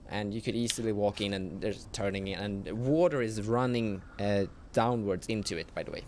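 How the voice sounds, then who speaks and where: A man narrating as game master of a tabletop horror game, in slow, halting speech with self-corrections. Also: on the low side, darkish tone, a little hiss or hum.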